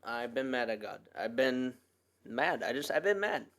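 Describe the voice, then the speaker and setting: A young man speaks in a personal podcast monologue at a middle pitch, earnest and rambling. He starts over often and leans on many fillers as he talks. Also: lively intonation, normal speed, fairly bright tone. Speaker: podcast host.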